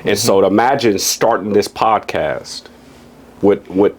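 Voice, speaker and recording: A man's voice: on the low side, unhurried. A man of forty, from Kansas City, hosting a podcast interview in a casual, upbeat way and often checking in with "you know what I'm saying.". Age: 40s. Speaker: podcast host.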